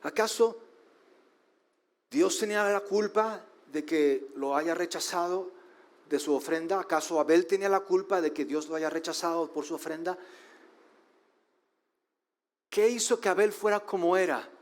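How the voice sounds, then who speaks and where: Pastor preaching, kinda high voice, lots of questions, drags words for emphasis. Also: male voice. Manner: rhetorical questions, shifting slow emphasis and quick asides. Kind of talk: sermon.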